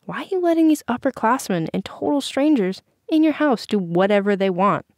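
A bold teenage girl who looks out for her friends and scolds them straight to their faces, as a woman narrator puts her on. The voice sits high and forceful, with a gravelly edge. It is a storybook reading, recorded dry and close. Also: sing-song, brisk, no echo. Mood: scolding.

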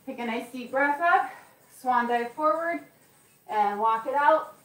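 Woman fitness instructor, high voice, unhurried cues, encouraging, counts reps, echoey gym, distant mic. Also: fairly bright tone. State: occasional coughing. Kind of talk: live workout class coaching. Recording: echoey room, mic far off.

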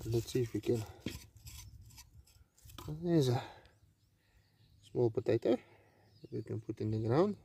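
A man's voice: medium pitch, slow, vocal fry, long pauses, slight background noise. Man digging in a garden, talking. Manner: relaxed, commenting while digging. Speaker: homestead vlogger. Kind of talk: casual garden narration. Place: outdoor vegetable garden.

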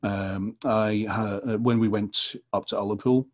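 Comics artist, man, lowish husky voice, halting delivery with many restarts. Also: steady tone. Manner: hesitant, full of restarts and fillers. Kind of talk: online panel talk. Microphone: video call.

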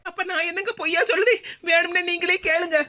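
Woman doing a young daughter-in-law in a cartoon, always complaining, bright high voice, talk. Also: steady tone, fast. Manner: complaining, indignant. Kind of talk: cartoon voice acting.

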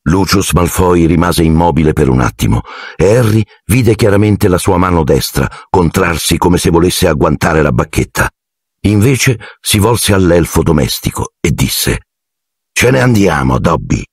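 A man narrating an audiobook in a measured storytelling manner on a close mic. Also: deep voice, animated, breathy edge, no echo. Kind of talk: scripted narration.

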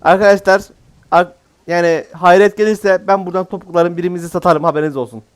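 A man's voice: sits high, steady tone, fast, clean tone. A man giving casual, jokey let's-play commentary as a gaming YouTuber, exclaiming often.

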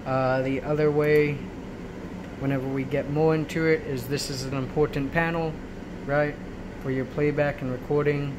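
Speaking at a normal pace in a fairly high voice, a tutorial host wanders casually through a software walkthrough, checking in with frequent "right?"s. A handheld camera records him indoors at home, and the amateur audio carries clear, steady noise.

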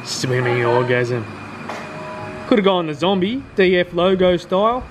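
Aussie bloke vlogging on holiday, cracks crude jokes, swears a lot, very blunt. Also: male voice, high voice, measured pace, slight background noise. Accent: Australian. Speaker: travel vlogger. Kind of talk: casual travel vlog commentary.

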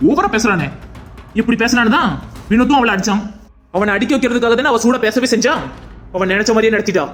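A woman voicing a sharp-tongued young woman who scolds and sends away a rival. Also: a little high, soft background music, close to an everyday voice. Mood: scolding. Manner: rapid, scolding. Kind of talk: cartoon voice acting.

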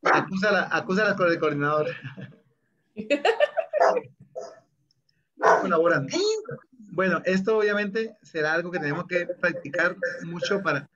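A man directs a choir over a video call, explaining an exercise and then half-singing the phrases to demonstrate it. His voice sits high with big pitch swings, he speaks a little slowly with long pauses, and the audio is dull with heavy background noise.

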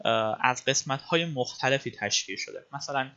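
A man walks viewers through web code in a screencast lesson, his voice bright and forceful, pausing with filler sounds as he explains each step. The audio is muffled and lo-fi, like a desktop mic. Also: medium pitch. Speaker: web design instructor. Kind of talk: screencast coding tutorial.

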